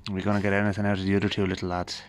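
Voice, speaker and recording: This Irish host of a radio repair video speaks very fast in a low voice with a completely flat delivery. He's in a garage recording on a handheld phone, musing informally about the repair as he goes, full of wry understatement.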